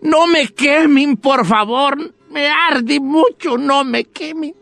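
A woman's voice: high voice, animated, measured pace, fairly bright tone, no room sound, faint music behind, pitched above the performer's own voice, heavily acted. A woman voicing a small, frightened male Christmas tree that begs and cries out in pain. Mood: crying in pain. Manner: whimpering, begging, cries out in pain.

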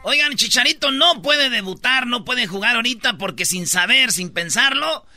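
A male Mexican radio host with a strikingly bright, cutting tone and a fairly high voice. He rambles through slangy, joking stories in lively comedic banter with his co-host. His delivery is that of an on-air storyteller. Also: moderate pace, soft background music. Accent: Mexican Spanish.

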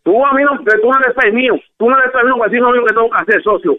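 Caller, male: high-pitched, rapid, furious and defensive, dry tinny phone sound. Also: no room sound. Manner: angry, defensive, repeats himself. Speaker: prank call victim. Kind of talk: heated phone argument.

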